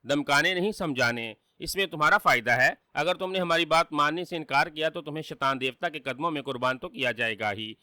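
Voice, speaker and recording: A man's voice: on the high side, hardly any pauses, pushed and bright, no room sound. A man doing a harsh, menacing evil spirit. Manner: harsh, threatening.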